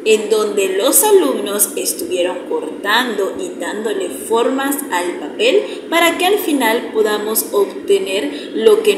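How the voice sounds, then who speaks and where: A woman with a Mexican Spanish accent, a primary school teacher, summarizing the day's class slowly and directly for her pupils. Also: mid-range voice. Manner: slow, explanatory, addresses pupils directly. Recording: roomy echo with clear background noise.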